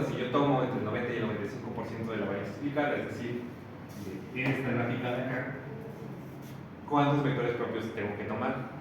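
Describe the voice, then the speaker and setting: A man lectures his class, walking the students through an assignment and working through examples as he goes. His voice sits in the middle of the usual male range. It is recorded from across a very reverberant room, with clear background noise behind it. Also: mid-range voice, recorded from a distance. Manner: explanatory, talks through examples step by step. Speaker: teacher.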